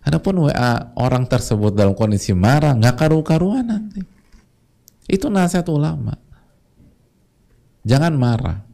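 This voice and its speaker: A man's voice: medium pitch, animated, moderate pace, gravelly, long pauses, mellow. A male preacher giving a casual, chatty sermon to a congregation, sometimes briefly mimicking the voices of his listeners.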